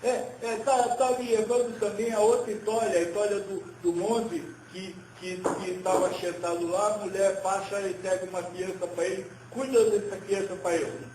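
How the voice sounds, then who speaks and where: Médium homem, voz alta, ensinamento espiritual lento e vacilante, sala com eco e leve ruído de fundo. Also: male voice, sits high, steady tone, a little mellow, echoey room, slight background noise, poor audio. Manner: slow, hesitant, repeats words. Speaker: spirit medium giving a message. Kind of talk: channeled spiritual teaching.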